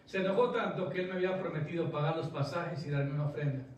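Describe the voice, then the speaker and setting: A man's voice: a little high, fast, a little hiss or hum. A male pastor preaching a sermon in a church, telling a story and then rising to emphatic bursts. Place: church sanctuary. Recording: echoey church hall, from a distance.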